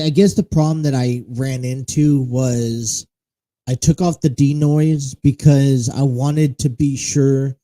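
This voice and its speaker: A man hosts a casual solo talk show, rambling and correcting himself as he goes, in a mellow, mid-range voice. He uses a studio mic with a monocaster setup, but the recording quality is low.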